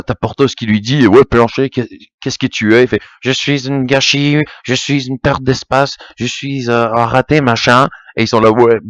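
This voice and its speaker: A man's voice: lowish voice, no echo. A young man hosting a podcast, ranting casually about a film, stammering, repeating himself and swearing often. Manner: rambling, stammering, swears a lot. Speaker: podcast host.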